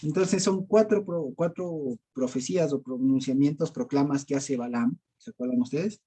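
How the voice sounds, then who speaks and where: A man's voice: mid-range voice, normal speed, warm tone, slightly rough. A man with an Ecuadorian accent teaching a Bible study. He chats casually, laughs often and keeps quizzing his listeners. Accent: Ecuadorian Spanish. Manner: conversational, quizzes listeners with rhetorical questions; laughs often, frequent verbal fillers.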